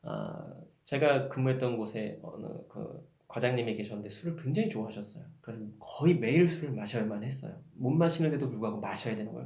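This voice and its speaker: Male pastor, mid-pitched voice, candid anecdotal sermon in a roomy church. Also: a little mellow. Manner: candid personal storytelling, building to emphatic questions. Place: church sanctuary.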